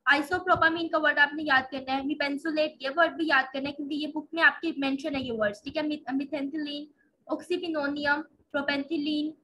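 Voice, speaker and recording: A woman's voice: sits high, sharp tone, poor audio. A woman giving a pharmacology lecture to medical students, explaining patiently step by step and often restarting over hard drug names.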